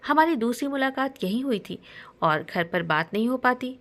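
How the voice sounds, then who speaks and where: A woman voicing a calm, affectionate young man in a romance story, speaking gently and teasing a little. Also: fairly high pitch, normal speed, pitched above the performer's own voice. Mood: tender.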